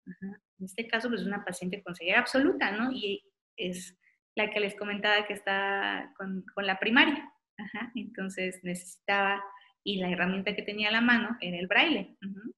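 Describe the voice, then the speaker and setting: A woman giving an online talk over a computer mic. Her voice is bright and forward, at an ordinary middle pitch. She is relaxed and chatty and fills pauses with small hesitations. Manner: informal and friendly, many fillers like "este". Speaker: optometrist giving a webinar talk. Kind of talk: webinar lecture with audience questions.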